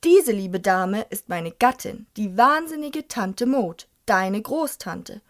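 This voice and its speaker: A woman voicing an eccentric old great-uncle who talks gruffly and shouts. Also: medium pitch, expressive, takes it slowly. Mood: blustering.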